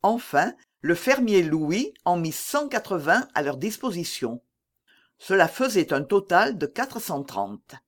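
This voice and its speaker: Measured audiobook reader, lively melody, unhurried delivery. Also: mid-range voice. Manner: slow, lively storytelling with voiced dialogue. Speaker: audiobook narrator. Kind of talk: scripted narration of a classic novel.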